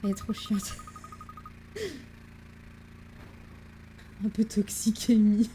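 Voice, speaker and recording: A woman's voice: mid-range voice, level tone, slow pace, dark tone, slight background noise. A woman streaming a video game, joking and chatting casually and laughing at herself as she plays. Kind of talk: casual gaming stream commentary.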